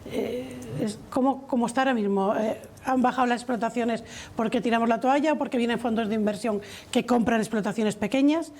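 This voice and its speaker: A woman's voice: on the high side, brisk, darkish tone. A woman journalist questioning a guest in a broadcast interview, building long questions in a hesitant way.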